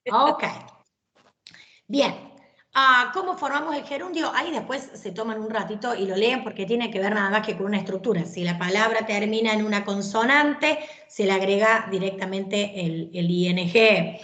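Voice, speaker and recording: A woman's voice: medium pitch, moderate pace, fairly bright tone. A woman, teaching an English grammar class and explaining patiently, often checking that students follow. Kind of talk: online class lecture. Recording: roomy echoey recording.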